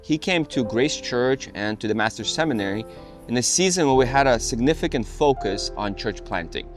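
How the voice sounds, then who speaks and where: A man, a mentoring pastor, speaking in a measured, affirming way. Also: mid-range voice, animated. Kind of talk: testimony interview. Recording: music bed under voice.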